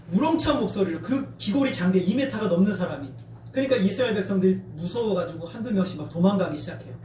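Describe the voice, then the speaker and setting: A middle-aged male pastor preaching a sermon in a church, talking in a lively way and acting out soldiers' shouts and taunts. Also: high-pitched, echoey room, distant mic, slight background noise. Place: church sanctuary.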